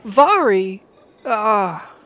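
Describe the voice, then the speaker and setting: A woman voicing a scheming male shapeshifter who rambles and stalls with fillers, speaking in a higher voice than her own. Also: very animated, a bit bright, full character voice. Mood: hesitant. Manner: rambling, halting, full of fillers.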